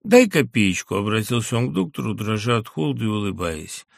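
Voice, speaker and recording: Man, literary audiobook narration, gravelly texture, dry studio mic. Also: on the low side, no room sound. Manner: measured, expressive reading.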